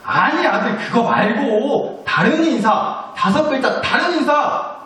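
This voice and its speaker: A man voicing a young mother who scolds her little son, in a high, exasperated nagging voice. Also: lively intonation, unhurried, sharp tone, exaggerated voice. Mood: scolding. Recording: echoey church hall, mic at a distance.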